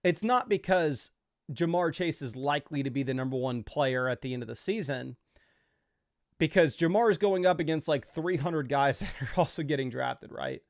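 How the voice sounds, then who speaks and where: A young man hosts a fantasy football livestream, explaining his picks in a loose, casual way packed with fillers. His voice is fairly high and expressive at a moderate pace, recorded cleanly in a studio with no room sound.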